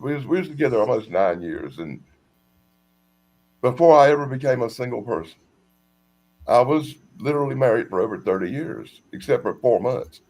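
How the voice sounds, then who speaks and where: A man's voice: mid-range voice, animated, moderate pace, pauses often, a little mellow. A middle-aged man from South Carolina, telling a long personal story on a video call in a casual, rambling, self-deprecating way. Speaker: storytelling guest. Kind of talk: casual chat. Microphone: video call, camera off.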